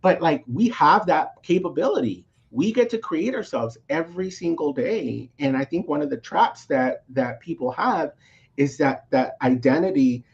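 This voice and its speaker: With the highs cut off in the recording, a slightly high-voiced man talks at normal speed as a guest on a casual podcast. He's a coach born in Mexico and raised in Texas, speaking animatedly and checking in often with "right?"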